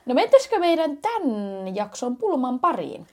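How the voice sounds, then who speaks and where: A young woman co-hosting a casual chat podcast, loud and teasing, laughing a lot. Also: high-pitched, big pitch swings. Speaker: podcast co-host.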